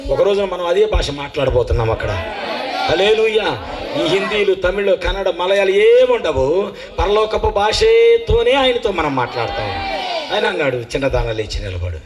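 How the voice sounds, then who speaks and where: A man preaching a sermon as a pastor at a revival meeting, telling a Bible story with dramatic acted-out voices and climbing to shouts. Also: high voice, animated, moderate pace, a crowd in the background. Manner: dramatic storytelling, acting out crowds, rising to shouts.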